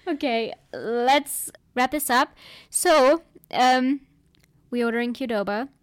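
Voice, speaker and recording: A woman's voice: fairly high pitch, takes it slowly, no echo, clean studio sound. A young woman hosting a podcast, chatting casually with a friend, giggly and trailing off at times. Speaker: podcast host. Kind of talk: casual chat.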